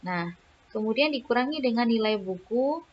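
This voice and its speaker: A woman's voice: fairly high pitch, animated, moderate pace, dull audio. A woman teaching accounting in a recorded lecture, explaining step by step and often checking in with filler words and "ya". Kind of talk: recorded lecture over slides.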